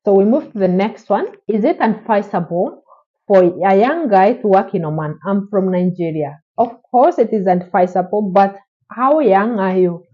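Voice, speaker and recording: This Oman-based female vlogger sounds animated, her mid-range voice moving at normal speed while she answers viewer questions. Her casual advice is encouraging, repetitive and aimed directly at the listener, though the recording is slightly muffled.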